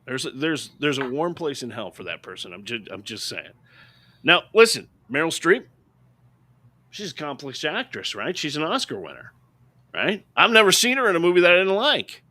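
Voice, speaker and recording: A man's voice: fairly high pitch, big pitch swings, moderate pace, bright, forceful tone. A middle-aged man co-hosting a podcast, reviewing movies in an emphatic, ranting way and often asking "right?". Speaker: podcast co-host. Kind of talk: opinionated movie review chat.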